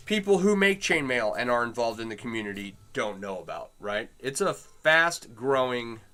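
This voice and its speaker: A middle-aged chainmail maker streams live while working on his chainmail, chatting casually as he greets viewers and answers their questions. His voice is mid-range, with a sharp, clean tone.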